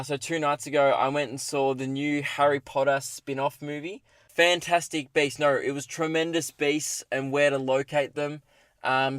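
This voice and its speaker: Young male podcaster, Australian accent. Mid-pitched, casual, rambling, self-mocking humour, recorded dry in a parked car. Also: fairly bright tone, dry recording. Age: young adult. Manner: self-deprecating, joking. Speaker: solo podcast host.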